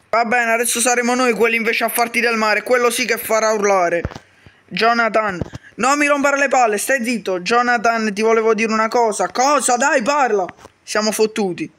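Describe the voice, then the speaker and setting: A man with a strikingly high voice performs every part of a comedic game role-play himself. His tone is bright and sharp. He rattles through quick, foul-mouthed bickering that often bursts into shouts. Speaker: YouTuber voicing all characters.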